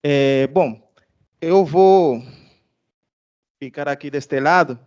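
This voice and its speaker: A man with a Cuban Spanish accent presents to an audience at an institutional event, his voice smooth, resonant and a little higher than most men's. He hesitates often, filling the pauses with drawn-out filler sounds. The audio is dull and lo-fi. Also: darkish tone. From Cuba. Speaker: research director giving an institutional presentation.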